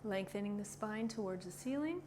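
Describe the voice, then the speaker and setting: A woman leading a yoga class with short, calm cues in a gentle, encouraging, informal way. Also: medium pitch, a little fast. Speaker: yoga instructor. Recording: clearly noisy ambient background.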